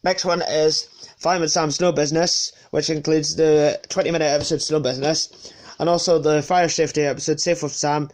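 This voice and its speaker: This man's voice sits a little high, with a flat, brisk delivery. He has a sniffly cold and is informally presenting his collection off the cuff, stumbling and fixing his words as he goes, like a casual show-and-tell.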